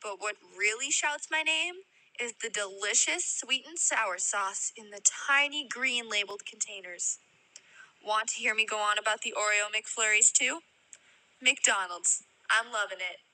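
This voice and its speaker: A woman puts on a gushing mock commercial voice, dragging each phrase out slowly. The tone is very bright and sharp, set at a middling pitch. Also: low-quality recording. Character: perky woman reading a mock fast-food ad.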